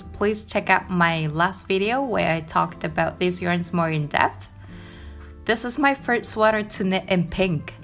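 Woman, Japanese accent, non-native English, gentle voice-over, slightly low pitch. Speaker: knitting vlogger. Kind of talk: voice-over narration.

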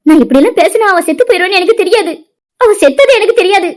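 A woman's voice: extremely high pitch, animated, fast. A performer voicing a guilt-ridden mother in a cartoon, pleading and apologizing. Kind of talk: animated cartoon voice acting.

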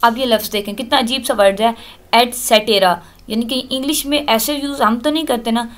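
A woman teaching English in a recorded lecture. She reads English text slowly, explains it patiently, and mixes English into her speech. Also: a little high, steady tone, a bit bright. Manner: addresses students as children, switches often into English.

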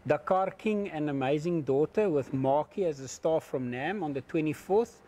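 A man's voice: on the high side, lively intonation, normal speed, mellow, slight background noise. A middle-aged man with a Namibian accent, co-hosting and casually reading out messages. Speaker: co-host reading viewer messages. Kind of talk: casual chat, mixing Afrikaans and English. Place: small indoor lounge set, seated on a couch.

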